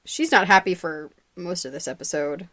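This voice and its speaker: A woman's voice: lowish voice, normal speed, sharp tone, no room sound. Chatty young woman podcast co-host. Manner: chatty, laughs often, stumbles over words. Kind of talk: casual chat.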